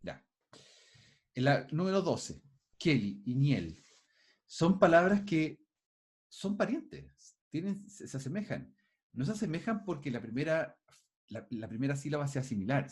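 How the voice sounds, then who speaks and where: A man's voice: mid-range voice, a little mellow. A male teacher giving an online class over a video call, thinking aloud with frequent restarts and putting questions to his students.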